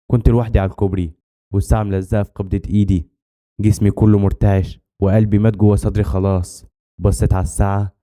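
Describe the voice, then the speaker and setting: Very fast, dark-voiced Egyptian narrator. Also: male voice, lowish voice, clear, resonant tone. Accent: Egyptian Arabic. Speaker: horror story narrator. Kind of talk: scripted first-person horror narration.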